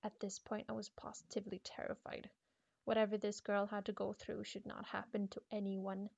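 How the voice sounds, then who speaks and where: Creaky-voiced woman narrating spooky stories. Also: mid-range voice, monotone, moderate pace, a little mellow, no room sound, highs cut off. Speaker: horror story narrator. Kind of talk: spooky first-person scripted narration.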